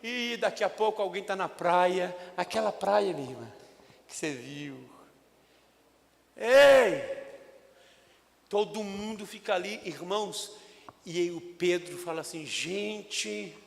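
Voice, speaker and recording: A male pastor, preaching a sermon in an animated storytelling way that swings between loud and hushed. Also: sits high, unhurried, creaky, pauses often. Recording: echoey church hall.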